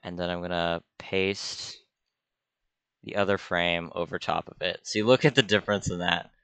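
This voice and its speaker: A man's voice: low-pitched, fairly even intonation, moderate pace, vocal fry, a bit bright, clear, resonant tone, no echo. A young man, an art student, casually talking through a screen-recorded drawing tutorial in an offhand, self-deprecating way. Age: young adult.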